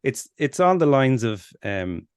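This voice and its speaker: A man's voice: mid-range voice, very animated, measured pace, clean tone, dry recording, studio quality. An Irish man co-hosting a podcast, chatting casually in a rambling way, laughing and swearing often. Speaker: podcast co-host. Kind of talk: casual chat.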